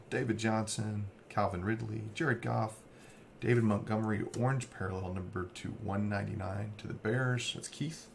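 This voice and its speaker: A man hosting a card break, casually rambling as he reads off player names. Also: on the low side. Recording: faint background noise.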